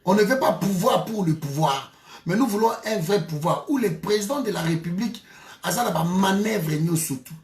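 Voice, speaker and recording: A Congolese commentator delivers a heated political monologue in a high-sitting voice with lively intonation and a moderate pace. The sound is roomy. He's emphatic, repeating phrases and restarting often.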